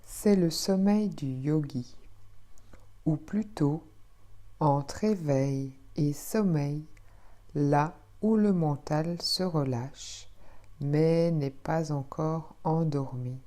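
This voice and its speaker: Guiding listeners through relaxation, a female yoga teacher speaks in a low, soft, hushed and soothing voice. Her pace is extremely slow and measured, with phrases gently repeated.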